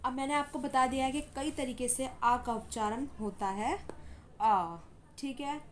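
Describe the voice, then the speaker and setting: A woman's voice: high voice, fairly even intonation, moderate pace, slight background noise. A woman giving an English pronunciation lesson in Hindi, patiently repeating example words and saying "ठीक है" often. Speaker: English teacher.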